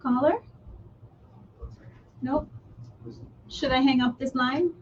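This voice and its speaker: A woman hosts a radio interview and talks in an effusive, chatty way. Her voice sits a little high. The audio is dull and carries faint background noise. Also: slow pace. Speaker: radio host.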